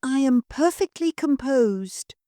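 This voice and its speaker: A woman's voice: high-pitched, lively intonation, slow, dark tone, no room sound, clean studio sound, voice pushed up. A woman voicing a haughty, bossy social-climbing lady of the house who snaps out orders. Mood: haughty, snappish. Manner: snappish, bossy, prim.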